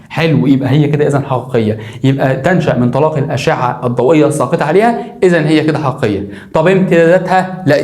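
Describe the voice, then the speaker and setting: A man's voice: fairly high pitch, darkish tone, reverberant. A male science teacher with an Egyptian Arabic accent, explaining a lesson emphatically, repeating key words and asking the viewer questions. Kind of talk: classroom lesson explaining diagrams.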